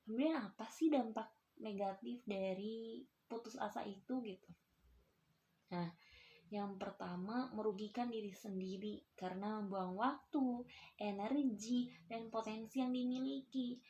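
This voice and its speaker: A woman's voice: on the high side, fairly even intonation, a little slow, dark tone, lo-fi sound, a little hiss or hum. A young woman, a university student, giving a casual lesson and talking to her pupils as their teacher, with a chatty, explanatory manner and lots of filler tags. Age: young adult.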